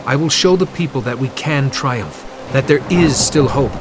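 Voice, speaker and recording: An earnest young noble hero. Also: male voice, medium pitch, lively intonation, measured pace, gravelly, noisy background. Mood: resolute. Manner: earnest, solemn. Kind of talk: video game cutscene narration. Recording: music score under the voice.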